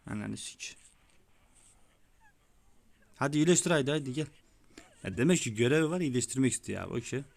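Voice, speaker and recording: Excitable young gamer swearing. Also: male voice, mid-range voice, creaky, no room sound. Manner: excitable, swears often, brotherly tone. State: sweaty, voice gone a bit rough. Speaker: gaming YouTuber. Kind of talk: casual gameplay commentary. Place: small room with window closed.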